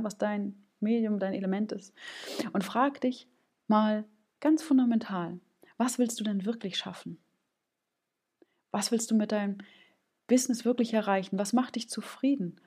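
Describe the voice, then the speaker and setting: On her solo coaching podcast, a business coach talks informally to the listener, often checking in with "ja?" and voicing little quoted lines for her gut and her head. Her mid-range voice is mellow and slightly rough.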